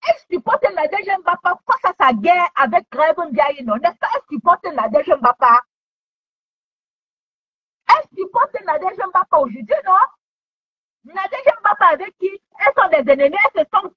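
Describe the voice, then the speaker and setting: A woman giving heated commentary online, scolding someone with repeated taunting questions. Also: sits high. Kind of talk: heated social media commentary. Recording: dull lo-fi sound.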